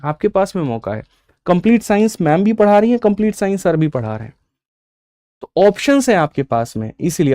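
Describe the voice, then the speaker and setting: A man's voice: high voice, warm tone, dry recording, clean studio sound. A young man teaching an online maths class for exam preparation, talking emphatically and repeating himself, often calling students brother. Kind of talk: online exam-prep class with batch promotion.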